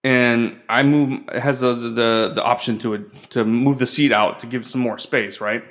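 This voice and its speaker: A man's voice: medium pitch, steady tone, measured pace, a bit bright. A man, the show's host, tells a rambling and profane story in a casual, exasperated rant.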